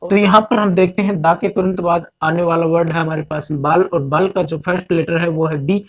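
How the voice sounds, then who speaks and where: A man from India teaching a grammar lesson, repeating each point slowly and mixing English terms into his Hindi. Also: high-pitched, a little mellow.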